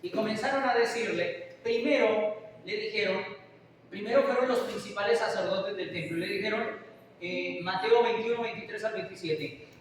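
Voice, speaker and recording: A man's voice: high-pitched, normal speed. A man preaching a sermon, often putting questions to his congregation. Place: church hall. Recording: echoey hall from far off, faint hiss.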